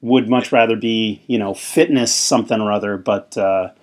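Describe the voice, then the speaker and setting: A man's voice: fairly low pitch, fairly even intonation, normal speed. A man co-hosting a podcast, chatting casually and rambling with plenty of fillers. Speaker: podcast co-host. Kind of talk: casual chat.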